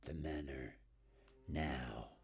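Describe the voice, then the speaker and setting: A man's voice: extremely low pitch, extremely slow, vocal fry, breathy edge. A man chats over a video game. His commentary is casual and jokey, like banter with a friend. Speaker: gamer commentating on a playthrough.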